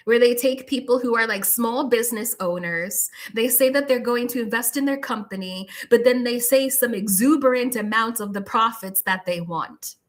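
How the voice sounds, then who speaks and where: Fairly high-voiced woman reading tarot live. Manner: speaks straight to the viewer, many "like" fillers; firm, warning advice. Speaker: tarot reader.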